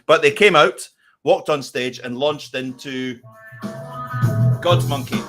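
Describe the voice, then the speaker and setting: A man co-hosting a casual chat about albums, telling lively anecdotes. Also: on the high side, slow pace, music in the background. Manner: chatty storyteller, animated anecdotes. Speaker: podcast co-host.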